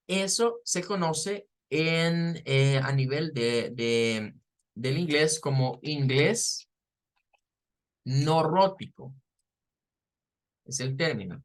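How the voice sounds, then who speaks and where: A man with a somewhat high voice teaches an English class online. He explains patiently and slows down to repeat each word so it can be copied. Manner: patient, explanatory, repeats words slowly to model pronunciation.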